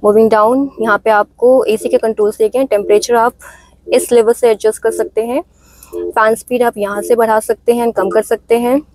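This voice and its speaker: This car review is narrated by an Indian-accented woman whose voice is fairly high and darkish, with fairly even intonation and a moderate pace. She goes through each feature in turn, mixing Hindi with English phrases. The rough recording has no room sound.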